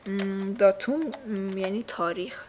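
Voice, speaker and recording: A woman teaching a language lesson in a casual, patient way, pausing often with filler sounds. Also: mid-range voice, darkish tone, a little hiss or hum.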